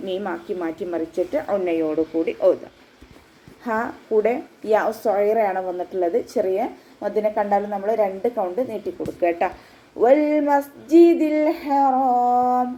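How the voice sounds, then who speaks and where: Mellow-voiced woman teaching recitation. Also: mid-range voice, low-quality recording. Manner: patient step-by-step instruction, with frequent checks for understanding. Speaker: Quran teacher. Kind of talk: recorded tajweed lesson.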